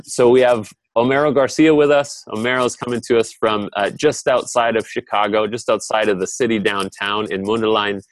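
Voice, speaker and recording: On an online video call, a man with a lowish voice runs a panel as its host, keeping the webinar relaxed and conversational. There's no echo in the recording.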